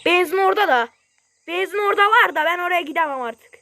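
A man giving casual, excitable gameplay commentary in slangy speech, yelping at sudden moments. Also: very high-pitched, fast, creaky. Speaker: gameplay streamer.

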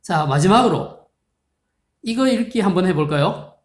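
A patient math teacher walks viewers through a lesson at an unhurried pace, reading numbers out digit by digit. The speech is polite and formal, often pausing to ask a question. The voice sits at a middle pitch and carries a roomy echo. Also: expressive. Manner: slow, patient explaining, reading digits out one by one. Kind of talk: recorded video lesson. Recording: roomy, echoey room sound.

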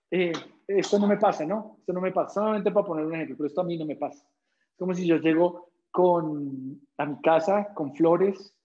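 A young man preaching a sermon as pastor, firing rhetorical questions and dropping to a hush when quoting Jesus. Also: fairly high pitch, muffled recording. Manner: drops to soft, quiet tones when quoting Jesus.

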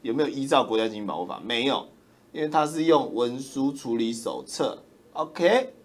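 Man, political livestream commentator; loud, roaring, sneering, pitch leaping all over. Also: lively intonation, moderate pace. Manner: loud, roaring, mocking, insulting.

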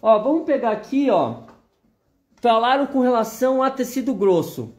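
A man's voice: very high voice, sing-song, moderate pace, a little mellow, soft background music. A man with a Brazilian Portuguese accent giving a chatty live sewing machine demonstration, constantly pointing things out to viewers.

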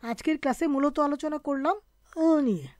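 A woman's voice: high-pitched, animated, a little fast, no room sound. Patient woman teaching French pronunciation. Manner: patient, explains letter by letter. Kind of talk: online language lesson.

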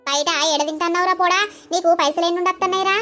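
A woman's voice: extremely high pitch, fairly even intonation, racing. A woman voicing an old village grandmother with a Telangana accent who scolds and fusses over the family. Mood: scolding. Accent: Telangana Telugu. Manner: fussing, scolding then tender. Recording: soft music behind.

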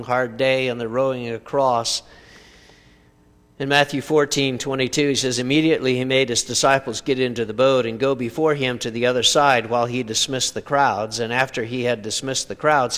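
A preacher giving a conversational sermon, asking rhetorical questions with dry humor. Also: male voice, medium pitch, fairly bright tone, long reverb tail. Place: church sanctuary.

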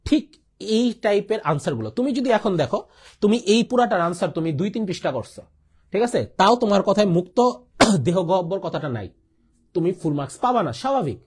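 Young Bangladeshi-accented man as a tutor, husky voice, lively pitch, coughs between points. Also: a little fast. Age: young adult. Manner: repeats key points, asks and answers his own questions, coughs often. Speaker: biology tutor. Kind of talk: online exam-prep lecture.

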